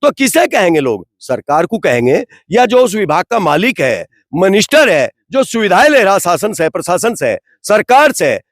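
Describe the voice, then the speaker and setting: Brief: fired-up man, high voice, dry sound, rhetorical and indignant. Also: no room sound. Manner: rhetorical, indignant, repeats "bhai". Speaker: interviewee from the community. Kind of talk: impassioned street interview.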